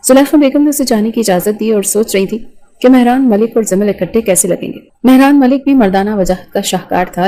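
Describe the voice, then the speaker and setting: A woman narrating a romance novel with an even, storytelling delivery. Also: medium pitch, rough recording.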